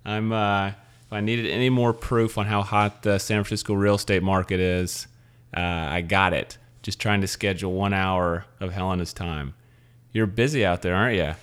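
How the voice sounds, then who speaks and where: Smooth, lowish-voiced male interview host. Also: fairly even intonation, normal speed. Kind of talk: conversational presenting and interviewing.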